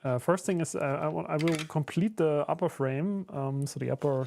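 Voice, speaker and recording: The German streamer talks casually in accented English while assembling a 3D printed enclosure and responding to chat. His voice leans high and gravelly at a normal speed, and there's a little hiss or hum. He's conversational and relaxed, with many fillers.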